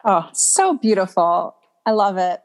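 A woman podcast co-host speaking casually and effusively, quick to laugh. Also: mid-range voice, sing-song.

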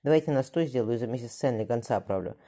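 A woman's voice: very deep voice, animated, fast talker, dark tone, heavily acted. A reader voicing a confident, blunt noblewoman and expectant mother with an earthy, plainspoken manner. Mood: concerned. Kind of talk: audiobook character voicing.

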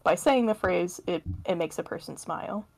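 A woman co-hosts a casual podcast in a friendly, agreeable manner. Her voice carries a gravelly creak, and the sound is close and dry. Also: on the low side, moderate pace, darkish tone, no room sound, poor audio. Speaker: podcast co-host. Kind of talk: casual chat.

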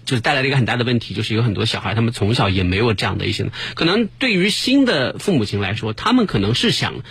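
A man's voice: medium pitch, rapid-fire, slightly rough, no echo. A man hosting a casual group chat, teasing the others and often restarting his sentences. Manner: animated, teasing, stammering restarts. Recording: radio broadcast.

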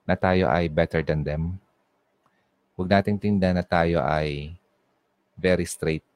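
Low-voiced Bicolano radio DJ, dry sound. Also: male voice, darkish tone, no echo. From Bicol, Philippines. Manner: chatty Taglish code-switching, reads listener messages. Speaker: online radio DJ. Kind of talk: casual call-in radio chat.

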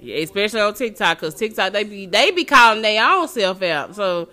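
A woman's voice: mid-range voice, expressive, a little fast, sharp tone. A woman co-hosting a casual chat, blunt and profane, laughing through her stories. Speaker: podcast co-host.

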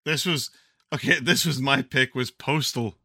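A man hosting a podcast, talking in casual, profane, animated chat. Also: mid-range voice, measured pace. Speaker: podcast host.

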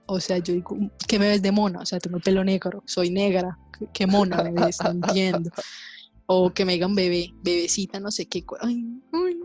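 A woman chatting casually as a guest, talking in quick bursts full of fillers and acting out what people say. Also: medium pitch. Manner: animated, many fillers, acts out quotes. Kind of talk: casual chat.

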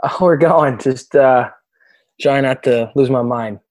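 A man's voice: medium pitch, slow, no echo. Brief: man in his twenties, New York accent, boisterous podcast guest, dry close sound. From South Florida. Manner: loud, boisterous and joking. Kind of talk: casual podcast conversation.

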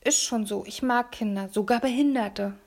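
A menacing, bullish kidnapper snarls and sneers at the children, then turns sickly sweet, voiced by a woman reading the story aloud. Loud, pushing delivery over a gravelly grain. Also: a little high, normal speed. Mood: mock-sweet. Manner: growling, sneering, mock-sweet. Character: brutish, menacing grown male kidnapper. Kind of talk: audiobook character voice.

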